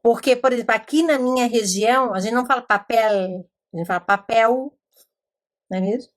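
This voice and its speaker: A middle-aged woman from Brazil teaching about literacy in a casual, explanatory way, slowly sounding out letters and telling classroom stories. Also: on the high side. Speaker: educator teaching literacy methods. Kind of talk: informal teaching talk.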